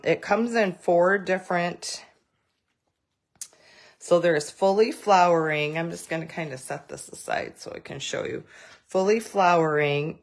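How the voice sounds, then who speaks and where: Low-voiced woman, unhurried craft demo. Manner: chatty, greets viewers by name; rambling with many fillers and restarts. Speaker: craft demonstrator. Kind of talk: live craft demonstration.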